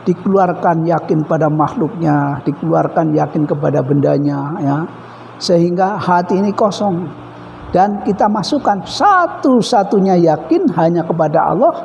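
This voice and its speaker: A male preacher giving a measured religious lecture, reciting Arabic phrases between his explanations. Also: on the high side, gravelly, a little mellow, a little hiss or hum. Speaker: Islamic preacher. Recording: dull reverberant hall recording.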